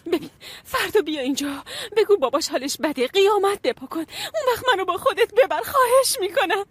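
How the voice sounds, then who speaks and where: Desperate locked-up young woman, super high pitched, begging then plotting quiet. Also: expressive, no room sound. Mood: pleading, scheming. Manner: pleading and frantic, swinging to low hushed plotting. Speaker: daughter. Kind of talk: TV drama dub.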